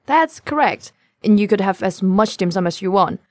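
A woman's voice: mid-range voice, lively intonation, moderate pace, a little mellow, no echo, clean studio sound. A woman from Cantonese-speaking southern China co-hosting a language lesson in cheerful, playful scripted banter. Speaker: co-host and language teacher.

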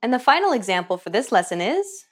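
A woman's voice: a little high, very animated, fast. Woman narrating a scripted language lesson. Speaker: language course host.

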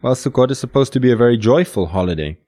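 A man's voice: mid-range voice, animated, fast talker, warm tone. A man co-hosting a scripted podcast, explaining traditions with a light, joking manner. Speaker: podcast co-host. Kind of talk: scripted educational podcast dialogue.

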